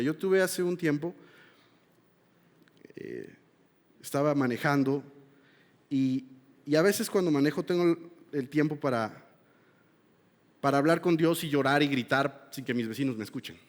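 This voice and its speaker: A man delivers an emotional sermon from a church stage. His voice sits a little high, rising loud in appeals and falling to a hushed confessional tone. A long hall reverb trails behind every phrase. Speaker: pastor.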